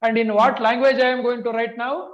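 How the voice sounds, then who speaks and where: A high-voiced man in his teaches an interactive online lesson. He goes step by step, repeating points and putting questions to his listeners. The audio is dull and lo-fi. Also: level tone, a little fast. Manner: repetitive, questioning, checks for agreement. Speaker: computer typing instructor.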